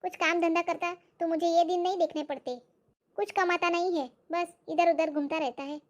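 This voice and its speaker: A woman's voice: very high voice, fairly even intonation, brisk, muffled recording. A woman performing a comic skit, muttering exasperated, grumbling asides.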